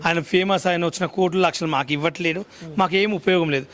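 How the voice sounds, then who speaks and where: A man's voice: on the high side, quick pace, fairly bright tone. A man speaking in an interview as a friend of the guest, earnest and pleading. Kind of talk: casual interview talk.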